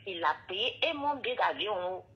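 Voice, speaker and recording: A woman's voice: mid-range voice, lively intonation, normal speed. A woman from Cameroon with an Ivorian accent, calling in by phone and chatting in a rambling way. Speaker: phone caller. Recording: muffled phone line.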